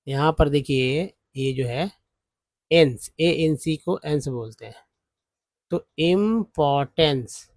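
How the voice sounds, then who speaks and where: A man teaching English phonics from slides, explaining word parts slowly. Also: fairly high pitch, a little mellow, no echo. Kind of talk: slide-based phonics lesson.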